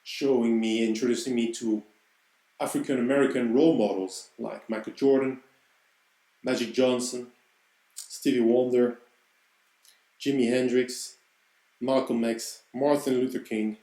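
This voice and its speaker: A man's voice: mid-range voice, fairly even intonation, unhurried, pauses often, dark tone, reverberant, poor audio. A man with a French accent, hosting a podcast and telling a personal story in an earnest, reflective way. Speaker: podcast host.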